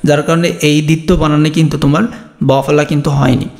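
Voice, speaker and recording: A man's voice: on the high side, level tone, quick pace, creaky, a little mellow. A man teaching an exam-prep grammar lesson, explaining step by step and answering his own questions.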